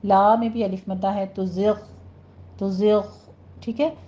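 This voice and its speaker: Mellow-voiced woman teaching Quran recitation. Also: medium pitch, a little hiss or hum. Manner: slow, drawn-out demonstration of each word, then brisk explanation. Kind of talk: recitation lesson. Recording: dull lo-fi sound.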